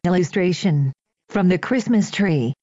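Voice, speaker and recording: A woman reading an old children's story aloud in a gentle, even storytelling manner. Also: lowish voice, unhurried, no echo. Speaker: audiobook reader. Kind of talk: storybook narration. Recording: dull, dry lo-fi recording.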